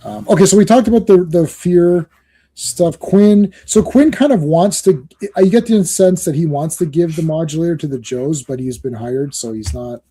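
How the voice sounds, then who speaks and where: Brief: male podcast host, somewhat high and mellow voice, excitable and rambling, laughs a lot. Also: moderate pace, breathy edge. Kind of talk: casual chat, reviewing comics.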